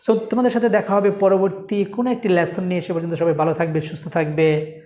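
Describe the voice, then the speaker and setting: Woman, English teacher, slightly low voice, reads each example slowly, keeps asking "right?", echoey room. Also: steady tone, warm tone. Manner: reads English sentences slowly, then explains in Bengali; often asks "right?" to check understanding. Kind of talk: spoken English lesson.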